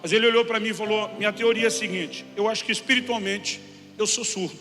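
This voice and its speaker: A man preaching a sermon, telling a story with acted-out dialogue, sometimes rising to shouts. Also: sits high, steady tone, fast talker. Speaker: pastor. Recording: long hall reverb with faint music.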